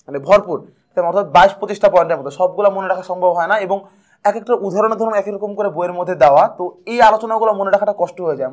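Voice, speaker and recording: A young man with a high voice runs through an exam prep lesson quickly. His style is lively and playful, and he revisits every key point several times.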